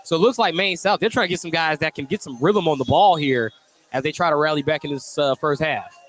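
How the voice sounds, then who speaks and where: With a fairly quick pace and a voice on the high side with a fairly bright tone, a male radio announcer handles live play-by-play of a basketball game. Between calls he chats and jokes, and noise from the gym is clearly audible in the broadcast.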